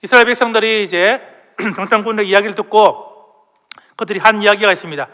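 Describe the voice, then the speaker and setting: A man's voice: high-pitched, quick pace, bright, forceful tone. A male pastor preaching a sermon in a church, asking the congregation questions and leading them in reading aloud. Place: church sanctuary. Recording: long hall reverb.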